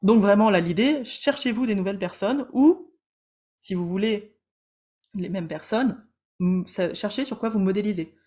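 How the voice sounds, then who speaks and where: A woman coach hosts a casual live teaching session in a mid-range, slightly mellow voice. She jokes with viewers and calls them by name, speaking in quick bursts full of restarts.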